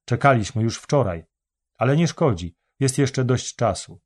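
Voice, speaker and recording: A deferential young servant, read by a male narrator, courteous and formal in his speech. His voice sits at a middle pitch, close to the reader's everyday tone. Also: animated, a little slow, a little mellow.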